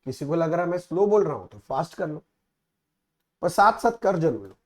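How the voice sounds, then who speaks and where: A man's voice: a little high, very animated, fairly quick. A man teaching accounting in a casual lecture, mixing Hindi and English and checking in with students often. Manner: mixes Hindi and English, asks students frequent check-in questions. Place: recorded teaching video.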